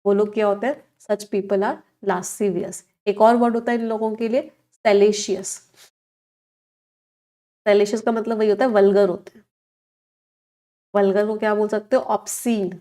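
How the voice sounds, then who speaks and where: A woman's voice: mid-range voice, flat delivery, normal speed, pauses often, warm tone. A woman teaching English vocabulary in an online exam-prep lesson, explaining words in Hindi mixed with English and asking her students questions.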